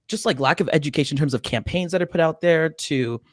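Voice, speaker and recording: This young man in his twenties talks quickly in a voice on the high side, with no room sound. He's a medical student in a casual video-call interview from a small room, on a studio mic with headphones, laughing a lot as he earnestly explains.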